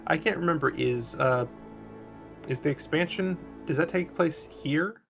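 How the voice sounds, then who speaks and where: A man's voice: fairly high pitch, unhurried, creaky. A man co-hosting a gaming stream, chatting casually over the gameplay. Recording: loud game music behind. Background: game music and sound effects.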